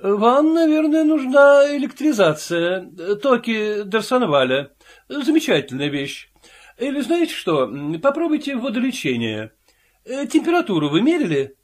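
Audiobook figure: man playing a fussy, high, lively-voiced adviser. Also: measured pace, full character voice.

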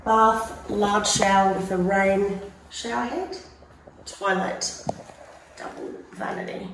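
Speaking slowly in a medium pitch with fairly even intonation, a woman leads an upbeat walk-through of a large, vacant modern home, indoors and out on the deck. The handheld camera keeps its distance, leaving her voice slightly remote amid echoing rooms and a little hiss or hum.

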